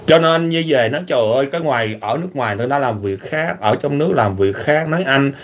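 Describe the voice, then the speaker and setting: A man from Vietnam, talking animatedly in a casual opinionated vlog, clearing his throat often. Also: medium pitch, lively intonation, quick pace. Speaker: vlogger.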